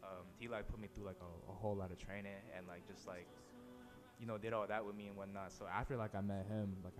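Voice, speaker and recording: A man in his twenties from Indonesia, a musician guest on a casual live interview. He talks quickly and in a loose, rambling way, full of filler words, in a fairly low voice. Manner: loose, rambling, heavy use of "like" and "bro".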